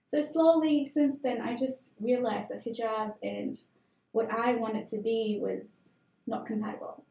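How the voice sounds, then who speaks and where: Guest: young woman from Tanzania, candid, chatty, slightly high mellow voice, echoey room. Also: steady tone, unhurried, vocal fry. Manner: candid personal storytelling with fillers. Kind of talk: conversational interview.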